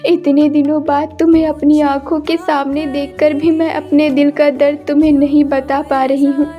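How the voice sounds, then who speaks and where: A woman's voice: high-pitched, level tone, moderate pace, highs cut off, soft background music, lightly acted. A woman voicing a sorrowful young woman trapped as a flower in a cartoon story, speaking in a wistful inner monologue.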